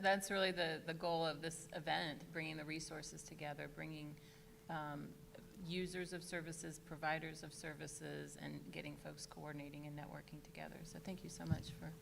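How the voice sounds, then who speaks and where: A woman moderating a panel discussion, speaking in a measured, affirming way as she sums up points and asks follow-up questions. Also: sits low, gravelly, background noise.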